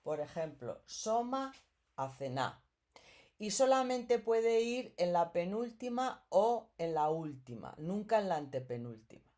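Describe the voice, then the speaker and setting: A woman's voice: lowish voice, very animated, measured pace, darkish tone. A woman teaching a grammar lesson, explaining patiently and often checking in with the listener.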